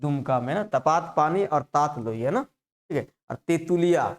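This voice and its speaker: A man's voice: on the high side, expressive, moderate pace. A male teacher giving a live exam-prep class, repeating terms and coaxing students with constant checks. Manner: repetitive, coaxing, peppers lines with "hai na".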